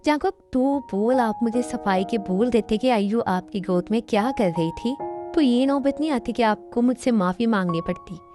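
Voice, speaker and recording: A woman's voice: on the high side, normal speed, music in the background, close to an everyday voice. A woman voicing a young pregnant wife who reproaches her husband in a fan-dubbed drama. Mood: reproachful. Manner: reproachful, hurt. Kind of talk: Hindi fan dub drama.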